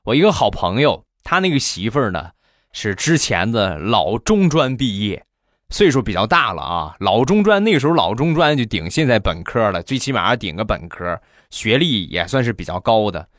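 A man telling comic anecdotes about married life in a lively, animated way. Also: on the low side, normal speed, dry recording, studio quality. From China. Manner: animated, switching into playful voices. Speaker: comedy storyteller.

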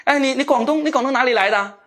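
A man's voice: extremely high pitch, fast talker, a bit bright, voice pushed up. A man voicing a proud, chatty older male Shanghai taxi driver with a Shanghai accent, as part of a stand-up routine. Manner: boastful, patronizing, eager to chat.

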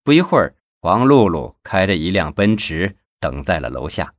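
A man narrating an audiobook in a measured, steady way on a close microphone. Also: low voice, no echo.

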